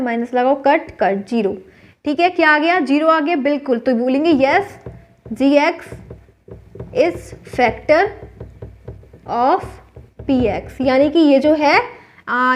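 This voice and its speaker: A young woman teaching a math lesson step by step, checking in often with her students and mixing English terms into her sentences. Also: high voice. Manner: explains step by step, repeats checks with "ठीक है", mixes English terms into Hindi. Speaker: maths teacher.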